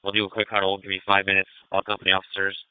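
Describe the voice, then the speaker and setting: A man's voice: sits low, monotone, rapid-fire, clear, resonant tone, no room sound. A man acting as fire incident commander, giving clipped, procedural orders over a two-way radio. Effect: two-way radio transmission. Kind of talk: fireground radio traffic. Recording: tinny narrow-band radio audio.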